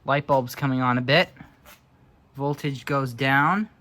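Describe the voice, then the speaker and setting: With a bright, forceful tone, a man speaks unhurriedly in a mid-range voice. He's a hobbyist presenter showing vintage electronics in a casual, unscripted show-and-tell, hesitantly thinking aloud as he goes.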